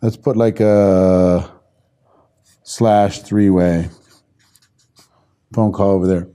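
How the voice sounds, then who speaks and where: In a low, dark and clean voice with fairly even intonation, a sales trainer speaks very slowly. The setting is an informal live online class where he reads viewer comments and answers them, thinking out loud in a conversational manner.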